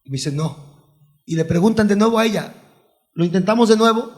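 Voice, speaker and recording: High-voiced man, hushed storytelling. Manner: soft, halting, often drops to a near hush. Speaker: psychotherapist guest. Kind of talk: personal storytelling.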